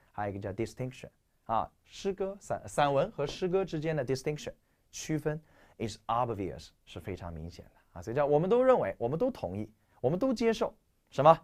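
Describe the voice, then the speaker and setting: A man from China lecturing on English vocabulary, with a stuffy nose. His pitch swings widely as he talks, and he keeps posing rhetorical questions to the class. The delivery is animated. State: stuffy nose, clearing throat.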